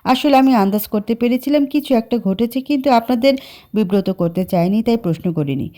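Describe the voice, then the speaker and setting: A woman voicing a gentle, worried middle-aged mother in a dramatized story reading. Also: on the high side, a little fast, lightly acted.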